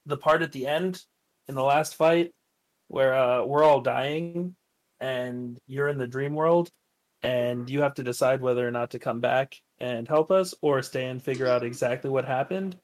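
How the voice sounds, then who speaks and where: Deadpan, measured man in podcast chat. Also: mid-range voice. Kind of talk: casual chat.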